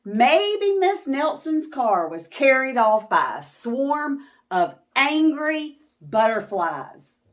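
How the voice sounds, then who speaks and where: A woman voicing excitable, eager young schoolchildren in a storybook. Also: high voice, takes it slowly, voice pushed up, full character voice.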